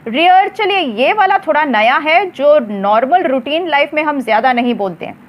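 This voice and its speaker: A woman teaching English words in a slow lesson, spelling them out letter by letter and repeating each one. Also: high-pitched, animated, muffled recording.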